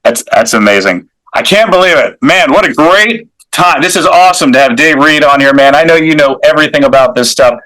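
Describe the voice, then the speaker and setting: A man's voice: fairly high pitch, animated, a little fast, hardly any pauses, a bit bright, low-quality recording. A man hosting a studio interview show, talking with enthusiastic, effusive praise. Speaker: show host.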